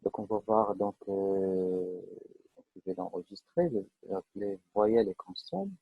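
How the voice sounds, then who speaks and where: A man's voice: fairly low pitch, very animated, measured pace, vocal fry, slightly rough, dry recording. A man teaching a live online programming class, explaining step by step with frequent fillers and checks that students follow. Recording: dull lo-fi online class audio.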